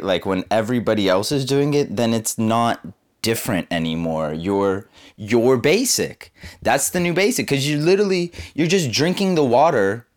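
A man in his twenties from Southern California, rambling casually to the camera in a laid-back, slangy, cynical way, full of fillers. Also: mid-range voice. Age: 20s. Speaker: vlogger.

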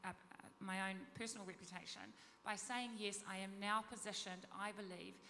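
A woman speaks at a church gathering in an earnest, halting way, often restarting her sentences. Her voice is bright and forward. She is recorded in a reverberant hall, with a faint hum behind her. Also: medium pitch, fairly even intonation. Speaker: panel speaker at a church event. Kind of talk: testimony talk.

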